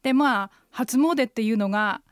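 A woman leads a radio language lesson in a clear, explanatory way. She models words slowly and carefully. Her voice sits a little high, and the studio sound is very dry. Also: no echo. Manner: clear explanatory teaching, slow model pronunciation. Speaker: Chinese language teacher.

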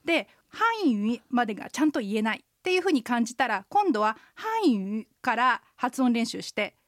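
A woman's voice: fairly high pitch, lively intonation, moderate pace, dry recording, studio quality. A woman co-hosting a radio language lesson as an interpreter guide, explaining phrases and tones patiently. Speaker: co-host, interpreter guide teaching Chinese phrases.

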